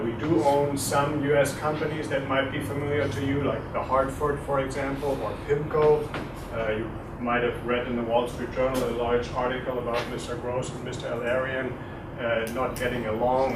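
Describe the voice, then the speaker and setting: In a noisy, echoey room and captured from afar, a middle-aged German-accented man gives a university guest lecture that includes audience questions. His voice is mid-range and moderately paced; he comes across as relaxed, chatty and hesitant, using many fillers and quizzing the audience.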